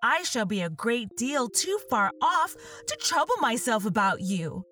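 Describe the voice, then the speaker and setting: A woman's voice: a little high, sing-song, measured pace, pushed and bright, distant mic, heavily acted. A woman voicing Alice, a curious, fretful little girl, in a storybook reading. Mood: fussing.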